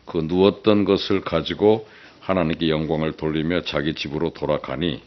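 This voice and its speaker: Deep-voiced pastor preaching, dull recording. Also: male voice, fairly even intonation, moderate pace. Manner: storytelling with folksy dialect jokes. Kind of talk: sermon.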